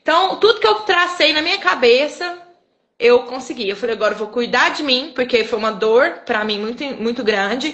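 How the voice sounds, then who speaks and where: A woman's voice: high-pitched, brisk, dull audio. A woman with a Brazilian accent, a guest sharing an emotional personal testimony and acting out the dialogue as she tells it. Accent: Brazilian Portuguese. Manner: expressive, animated storyteller who acts out dialogue. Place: live online broadcast.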